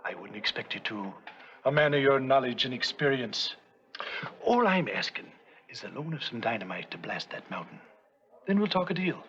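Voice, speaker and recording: Excitable Irish leprechaun-like dreamer. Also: male voice, mid-range voice, normal speed. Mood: earnest, courteous. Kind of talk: vintage TV western acting. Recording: dull vintage TV soundtrack with music.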